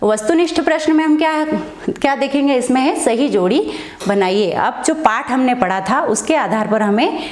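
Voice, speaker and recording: A woman's voice: high voice, expressive, normal speed, darkish tone, reverberant. A woman teaching a Hindi lesson, asking questions and answering them herself as she goes. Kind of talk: online classroom lesson.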